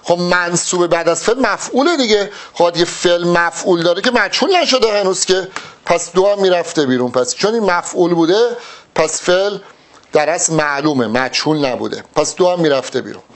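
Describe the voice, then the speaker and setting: A man with a fairly high voice tutors students for an exam. He works through the answer options with emphatic, animated delivery and addresses the learners directly. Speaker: exam-prep Arabic teacher. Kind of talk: test-solving lesson.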